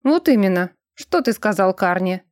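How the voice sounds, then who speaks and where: A woman's voice: medium pitch, lively intonation, moderate pace, darkish tone, no echo, clean studio sound, lightly acted. A woman voicing a weary, exasperated young man in a storybook reading. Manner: exasperated and reproachful.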